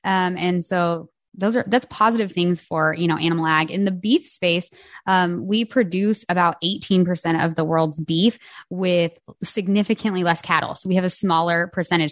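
Lower-pitched woman chatting as interview guest. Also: dry recording. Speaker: podcast guest, farming advocate. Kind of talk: casual interview chat.

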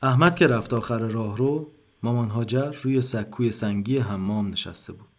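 A man narrating a literary short story in a calm, measured way. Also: medium pitch.

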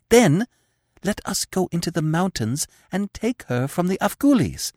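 A man's voice: a little high, a little mellow, no room sound, clean studio sound, voice pushed up. A man voicing a passionate, scheming young woman who pleads in a breathless, urgent rush.

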